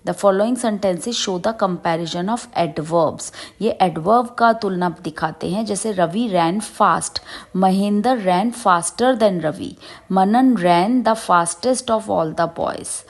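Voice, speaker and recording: A woman teaching a grammar lesson. She reads English word lists slowly, then explains quickly in Hindi. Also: medium pitch. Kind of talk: grammar lesson reading out examples.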